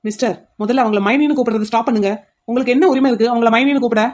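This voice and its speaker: A woman voicing a loud, indignant young man who is the fiancé in a cartoon. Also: a little high, rapid-fire, lo-fi sound, close to an everyday voice.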